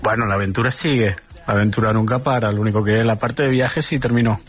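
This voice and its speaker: Low-voiced man on dull radio. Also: fast, breathy edge, faint music behind. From Barcelona, Spain. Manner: relaxed storytelling with restarts. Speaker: guest, nurse and traveler. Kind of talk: casual radio interview.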